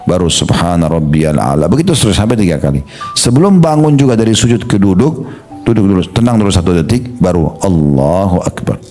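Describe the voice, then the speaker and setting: A middle-aged man preaching a religious study talk in a conversational way, slowly demonstrating prayer recitations with pauses. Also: deep voice, sing-song, dark tone, soft background music.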